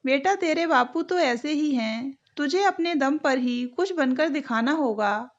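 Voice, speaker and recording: A woman voicing a patient, long-suffering mother reassuring her son softly in a storybook tale. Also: high-pitched, animated, measured pace, lo-fi sound. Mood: gentle. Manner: soft, reassuring.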